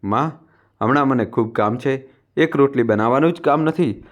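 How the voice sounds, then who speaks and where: A curt young daughter-in-law from a storybook tale, sharp-tongued and dismissive, snapping out her lines a little higher and quicker, as a male narrator puts her on. The voice stays at a plain middle register otherwise. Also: close to an everyday voice.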